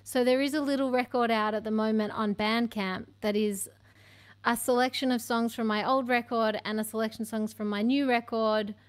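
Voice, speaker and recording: Talking from a book-filled room at home, an Australian woman in her thirties appears as a singer-songwriter guest, chatting easily about her music and laughing a lot. Her pitch is fairly high, her tone steady and her pace moderate. She's on a stand-mounted studio mic with headphones on.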